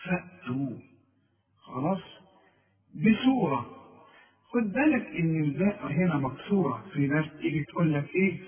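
A man with an Egyptian Arabic accent, teaching Quran recitation, switching between drawn-out chanted examples and quick explanations and checking that the listener follows. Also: a little high, lively intonation, roomy sound. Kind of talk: tajweed lesson with recited examples. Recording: thin phone-like sound from a distance.

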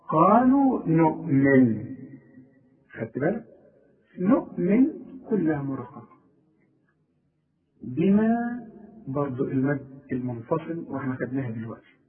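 A man with an Egyptian Arabic accent teaching Quran recitation one-on-one. He corrects pronunciation and stretches words out slowly to demonstrate them. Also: fairly high pitch. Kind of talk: one-on-one tajweed lesson. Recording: tinny phone-like line, far from mic.

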